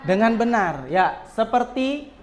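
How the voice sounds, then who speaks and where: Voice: medium pitch, very animated, a little slow. A teacher giving a classroom lesson to children, often stopping to quiz the pupils and adding a questioning "ya". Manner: quizzes pupils often, with frequent tag "ya".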